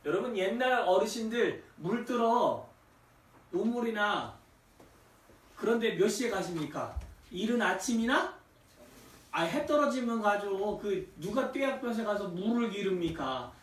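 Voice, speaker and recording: A male pastor giving a conversational sermon, often asking the congregation rhetorical questions. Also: sits high. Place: church sanctuary. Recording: echoey church, distant from mic.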